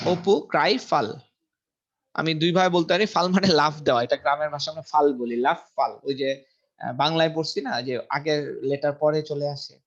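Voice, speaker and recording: A man teaching English vocabulary in a casual lesson, repeating each word several times and checking pronunciation aloud. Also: a little high. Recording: dull lo-fi recording.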